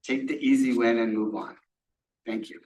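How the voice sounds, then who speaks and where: A man's voice: medium pitch, steady tone, normal speed, a little mellow. A man giving a public comment at a township board meeting, posing pointed rhetorical questions. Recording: echoey room from a distant mic.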